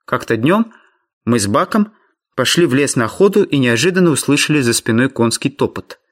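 Male audiobook narrator, middle pitch, calm and even first-person storytelling. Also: brisk.

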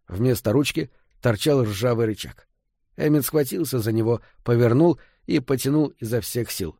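Male audiobook narrator, mid-pitched, steady measured storytelling, dry studio sound. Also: no echo. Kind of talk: scripted narration.

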